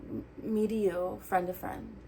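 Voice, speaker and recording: A young adult woman talking casually to camera like a friend, earnest and animated, sometimes dropping into soft asides. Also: lowish voice, unhurried, creaky, a little hiss or hum. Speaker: vlogger giving breakup advice. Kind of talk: casual heart-to-heart chat to camera.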